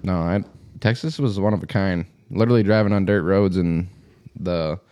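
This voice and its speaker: A man's voice: deep voice, normal speed, smooth. A man hosting a podcast, talking casually and telling stories with plenty of swearing. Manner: profane, animated storyteller. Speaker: podcast host. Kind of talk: casual chat. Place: lives in South Dakota.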